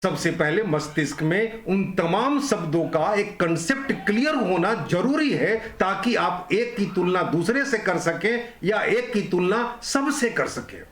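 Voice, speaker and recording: A man's voice: sits high, lively intonation, unhurried, hardly any pauses, a bit bright, roomy sound. A man teaching an online grammar lesson, explaining rules step by step and repeating the key points.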